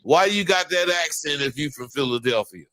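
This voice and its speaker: A man runs a live call-in show in a blunt, profane manner and keeps cutting his caller off. His pitch swings widely as he talks. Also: lively intonation, a little fast, a loud crowd.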